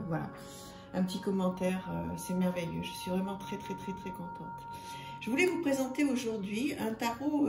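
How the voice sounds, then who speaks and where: With vocal fry in her mid-range voice, a woman from France walks viewers through a tarot deck on her channel. Her talk is easygoing and rambling, heavy on fillers and repeated words, recorded in an echoey room over soft music.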